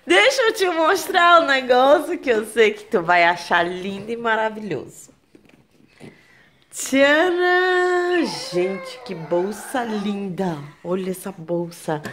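A woman's voice: mid-range voice, unhurried, a bit bright. A woman chatting expressively to her viewers in a casual vlog. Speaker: vlogger. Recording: noisy handheld recording.

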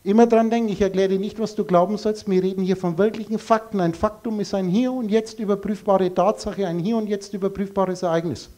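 A man's voice: sits high, fairly even intonation, fairly quick, hardly any pauses, dark tone. A man giving a live lecture to an audience in a blunt, emphatic way, full of rhetorical questions.

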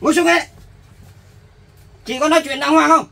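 A man's voice: very high voice, fairly even intonation, a little fast, gravelly, sharp tone, heavily acted. A man playing a police officer who scolds a woman and threatens to arrest her. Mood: threatening. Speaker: actor in a family skit.

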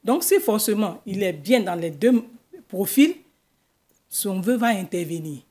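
A middle-aged woman with an Ivorian French accent, a school guidance counselor explaining things in a measured way in a TV studio interview. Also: medium pitch, very animated, warm tone, slightly rough. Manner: measured, explanatory, gestures with her hands. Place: TV news studio. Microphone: desk microphone.

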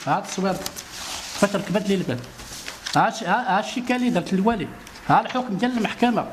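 A man's voice: high voice, racing, a little hiss or hum. A man with a Moroccan Arabic accent, a citizen pleading for help in a street interview and repeating his grievances insistently.

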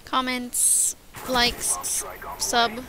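A woman's voice: on the high side, little pitch movement, extremely slow, a crowd in the background. A young woman giving casual gameplay commentary, rambling with lots of fillers and stumbling over her words, tired from lack of sleep. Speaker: gaming commentator. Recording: noisy home recording.

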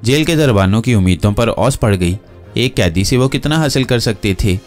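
A man's voice: fairly low pitch, expressive, moderate pace, darkish tone, faint music behind. A man reading a novel aloud as narrator, steadily telling the story and voicing every character. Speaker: audiobook narrator.

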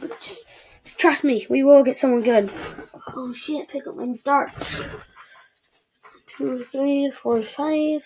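A woman giving excitable, chatty commentary while opening packs in a video game, often stammering. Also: high-pitched, slow, pauses often. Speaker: gaming video creator. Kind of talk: casual gaming commentary.

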